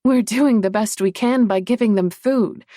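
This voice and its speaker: A woman voicing an earnest, caring young woman in an audiobook, lifting her voice higher and louder than her narration. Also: normal speed, dry recording, studio quality, lightly acted.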